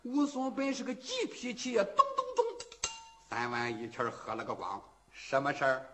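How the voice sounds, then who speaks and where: A man's voice: medium pitch, huge pitch swings, normal speed, bright, forceful tone, slight background noise. A man performing a traditional storytelling piece in rhythmic chanted verse, switching between narration and character voices. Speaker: Shandong kuaishu storyteller.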